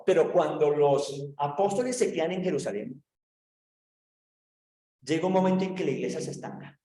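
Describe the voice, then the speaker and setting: A man's voice: fairly high pitch, lively intonation, moderate pace, mellow, echoey room, low-quality recording. A man giving a preaching-style Bible lesson, talking conversationally, repeating phrases and turning to the listeners directly. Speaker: theology teacher.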